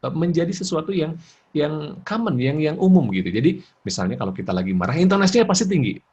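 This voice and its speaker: A man giving an expressive parenting lecture, laughing often and acting out examples. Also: on the high side, fast, husky, muffled recording. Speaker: parenting speaker.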